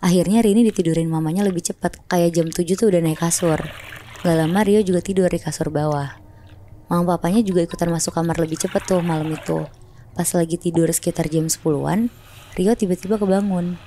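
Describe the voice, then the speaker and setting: A woman's voice: on the low side, steady tone, brisk, mellow, slight background noise. A woman casually telling a horror story on a podcast, chatty and slangy, acting out sounds.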